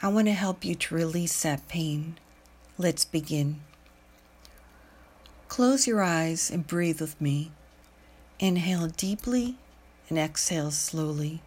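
Slow, soothing woman guiding a meditation. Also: deep voice, slightly rough. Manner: slow, soothing, calm delivery with long pauses. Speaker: meditation guide. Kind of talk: guided meditation narration.

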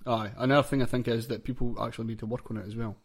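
A man's voice: medium pitch, steady tone, very fast. A Scottish man hosting in casual chat, informal and given to swearing. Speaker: host of a hip hop review show.

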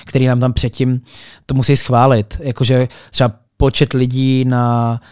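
A man recalling a club night with lively storytelling energy, tossing in borrowed English words. His voice sits at an ordinary mid pitch. The recording is dry and close, with almost no room sound. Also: smooth, no echo. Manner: animated storyteller, colloquial with English loanwords. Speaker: event organizer and DJ guest. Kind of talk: casual podcast conversation.

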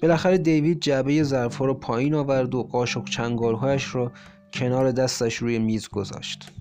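A man reading a short story aloud as an audiobook, in a measured, steady storytelling manner. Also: mid-range voice. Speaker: audiobook narrator. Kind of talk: scripted narration. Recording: faint guitar music bed. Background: soft guitar music.

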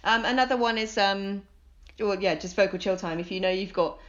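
A British woman, a vocal coach, talks about voice care on a podcast in an upbeat, coaching style. Her voice sits at medium pitch, a little fast and slightly bright. The recording sounds dull and lo-fi.

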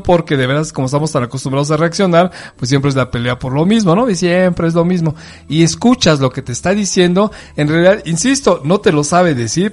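A psychologist giving a conversational self-help talk, often asking the listener rhetorical questions. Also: male voice, on the high side.

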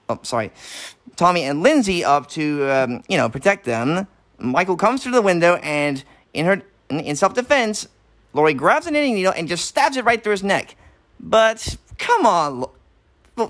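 Animated guy cohosting a podcast, kinda high voice, cusses a lot. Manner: animated, swears freely. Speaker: podcast co-host. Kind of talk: casual film recap chat.

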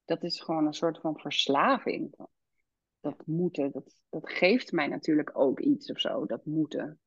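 A woman in her thirties, a founder and midwife, speaks as a podcast guest in a candid conversational interview. She's reflective with many hesitations and fillers, growing animated when quoting her child. Her low voice is breathy and moderately paced, recorded with no room sound and the highs cut off.

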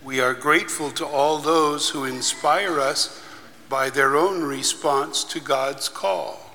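A man leading a solemn church blessing in measured, deliberate phrases, his voice ringing in a long cathedral echo. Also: fairly high pitch, fairly even intonation, sharp tone, slight background noise. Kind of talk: solemn liturgical prayer. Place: large reverberant church.

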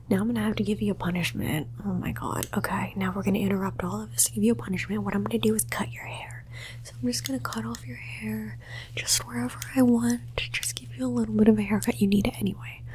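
A woman whispering an ASMR roleplay in a soft, teasing and playfully bossy way. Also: mid-range voice, fairly even intonation, fast, a little hiss or hum, rough recording. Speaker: ASMR creator.

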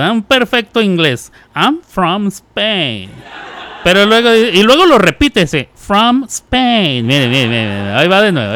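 Playful radio host. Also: male voice, high-pitched, fairly bright tone. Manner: playful, laughing, teasing. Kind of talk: casual radio chat.

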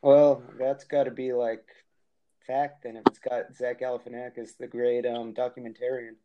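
Male co-host, mid-pitched, dry wisecracking sidekick. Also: flat delivery, moderate pace, lo-fi sound, very noisy. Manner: dry, joking asides. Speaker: podcast co-host. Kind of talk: casual podcast chat.

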